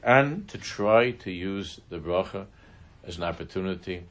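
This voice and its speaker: Low-voiced man teaching a Torah class. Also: animated, a bit bright, slight background noise. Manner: halting, restarting narration. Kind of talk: religious class with storytelling.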